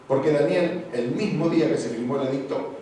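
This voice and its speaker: A man with an Argentine accent preaching a sermon as pastor, going from hushed passages to loud exclamations. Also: a little high, a little fast. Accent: Argentine Spanish. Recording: echoey hall from far off, faint noise.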